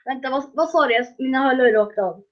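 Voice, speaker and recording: A woman doing casual gaming commentary, excitable and prone to loud shrieking laughter. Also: high voice, highs cut off. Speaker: gaming video creator.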